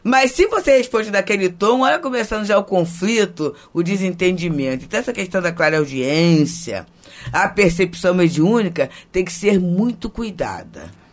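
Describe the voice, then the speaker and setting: A woman who is a spiritist medium, telling a personal story in a measured, thoughtful, teaching tone. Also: lowish voice, animated.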